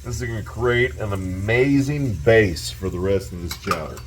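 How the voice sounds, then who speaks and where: Man, cooking host, low voice, chatty, casual tutorial, home kitchen, faint background hiss. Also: expressive, normal speed. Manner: chatty, keeps addressing viewers as guys.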